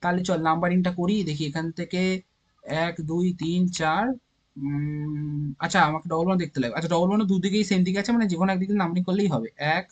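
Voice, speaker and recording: Guy with a bengali accent teaching chem, kinda high voice, counts out loud, thinks as he goes. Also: steady tone, fast talker. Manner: thinks aloud, counts carbons step by step. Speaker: chemistry teacher. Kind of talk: informal classroom lesson.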